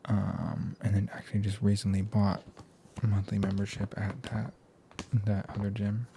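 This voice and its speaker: A young American man speaking in a hushed, soft ASMR voice that slips into whispers, chatting casually in a laid-back, slangy, meandering way. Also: on the low side, little pitch movement, moderate pace, gravelly, noisy background. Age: young adult. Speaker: ASMR video host. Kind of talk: soft-spoken ASMR, casual rambling chat.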